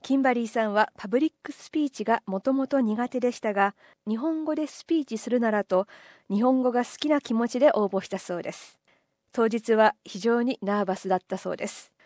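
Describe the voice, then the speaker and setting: Mellow-voiced woman host in a dry studio. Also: on the high side, fast talker, no room sound. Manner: smooth, friendly presenter delivery. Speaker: radio program host. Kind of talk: presenting and interviewing.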